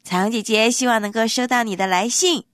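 A woman's voice: on the high side, brisk, fairly bright tone, no echo, studio quality. A woman hosting a children's radio program, speaking sweetly to young listeners.

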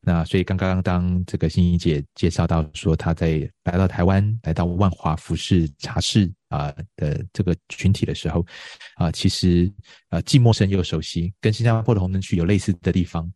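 A man hosting a conversational interview, explaining things in a measured way and guiding his guest with questions. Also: sits low, fairly even intonation, mellow, no room sound. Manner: measured, explanatory, frequent affirming murmurs. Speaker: interviewer, host.

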